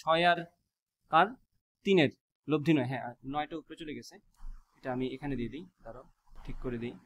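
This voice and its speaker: A man teaches a physics class, quizzing students with quick rhetorical questions and mixing English math terms into his speech. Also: on the high side, a bit bright, a little hiss or hum. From Bangladesh.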